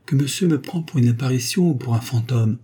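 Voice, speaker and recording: A man's voice: medium pitch, a little fast, mellow, husky, voice pushed up, lightly acted. A man voicing a confident, mocking young woman in a storybook reading, with a teasing, ironic manner.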